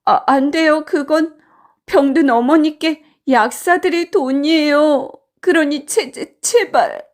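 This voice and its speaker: A woman's voice: high voice, slow, darkish tone, pitched above the performer's own voice. A woman voicing a frightened young boy who pleads and cries out for help. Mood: pleading. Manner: pleading, tearful, crying out.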